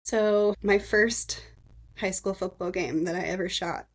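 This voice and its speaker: A woman's voice: medium pitch, measured pace. A woman in her thirties hosting a podcast, telling her own story in a casual, earnest and emotional way, speaking straight to her listeners. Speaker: podcast host.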